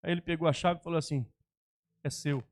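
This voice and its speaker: A man, a pastor preaching a personal testimony sermon, acting out dialogue and swinging between loud outbursts and hushed lines. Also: a little high, steady tone, rapid-fire. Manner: dramatic, acts out dialogue, swings from shouting to hushed.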